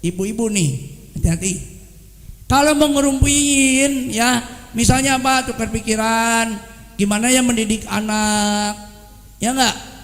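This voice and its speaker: A man's voice: very high voice, measured pace, pauses often, fairly bright tone. A man preaching a sermon to his congregation, speaking to them directly and acting out gossip in quoted voices. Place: worship hall. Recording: long hall reverb.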